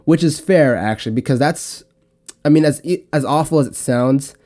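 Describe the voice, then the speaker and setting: A young man hosting a casual podcast on his own, talking in a relaxed, rambling way with frequent restarts. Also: a little high, normal speed. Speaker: podcast host. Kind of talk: casual solo podcast talk.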